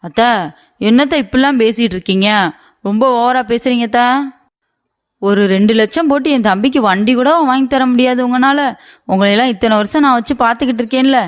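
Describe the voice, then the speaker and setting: A woman's voice: fairly high pitch, brisk, natural voice. A woman voicing a sulky, demanding young wife in a cartoon comedy, pleading and whiny.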